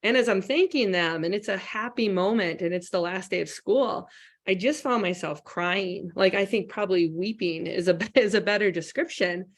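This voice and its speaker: A woman's voice: mid-range voice, moderate pace. A woman teacher speaking earnestly and reflectively at a conference, with frequent restarts. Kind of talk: conference talk. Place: conference hall.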